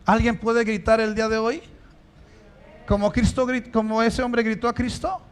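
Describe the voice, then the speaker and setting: A pastor preaching a sermon in church, asking the congregation rhetorical questions and rising to emphatic stresses. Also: male voice, very high-pitched, little pitch movement, moderate pace, clear, resonant tone.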